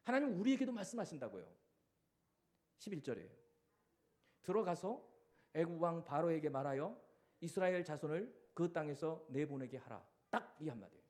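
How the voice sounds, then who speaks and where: A man preaching a sermon as pastor, animated and acting out the cries and commands he quotes. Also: fairly high pitch, normal speed, long pauses.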